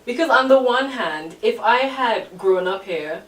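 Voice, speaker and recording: A woman hosting a casual discussion, telling stories in a lively way and murmuring agreement while others talk. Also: fairly high pitch, a little slow. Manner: frequent affirming murmurs, lively storytelling. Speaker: host. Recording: roomy sound from a distance.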